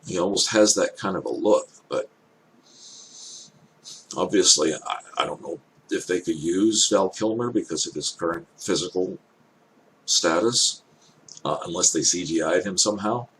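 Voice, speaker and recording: An older man with an elderly-sounding voice gives casual off-the-cuff commentary, thinking aloud in halting, hesitant phrases. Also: sits low, a bit bright, poor audio. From Canada. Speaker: reaction video host. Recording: clear background noise.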